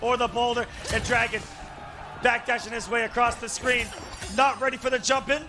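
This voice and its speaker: A man giving live play-by-play commentary on a fighting game tournament, with excitable, emphatic calls. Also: extremely high pitch, moderate pace. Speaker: esports commentator. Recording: music behind the commentary.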